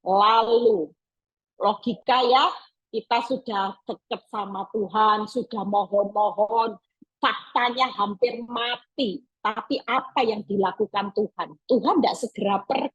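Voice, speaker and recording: A woman's voice: medium pitch, slightly rough, poor audio. A woman evangelist preaching a sermon over a video call, emphatic and acting out pleading prayers.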